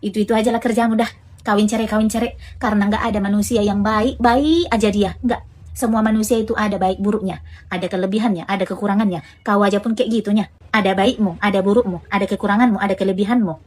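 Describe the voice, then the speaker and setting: A woman's voice: medium pitch, fairly even intonation, fast talker, darkish tone, lightly acted. A woman with a Medan Indonesian accent playing a blunt mother who scolds and lectures her grown son in a comedic family skit. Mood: lecturing. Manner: scolding, preachy, repeats herself for emphasis.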